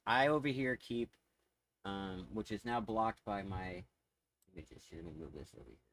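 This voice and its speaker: A man's voice: lowish voice, normal speed, a bit bright, a little hiss or hum, low-quality recording. A man streaming live, chatting casually in a rambling, easily sidetracked way with frequent laughs. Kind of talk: casual livestream chat.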